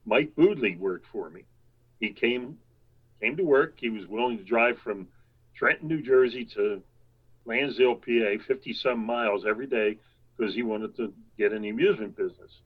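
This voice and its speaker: An older man telling long anecdotes as an interview guest, rambling, with quick asides and chuckles. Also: mid-range voice, husky, phone-quality sound. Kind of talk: anecdotal storytelling.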